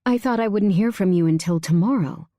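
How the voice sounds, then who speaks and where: A woman reading a first-person romance audiobook in a soft, unhurried way, close to the mic. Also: medium pitch, no echo. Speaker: audiobook narrator.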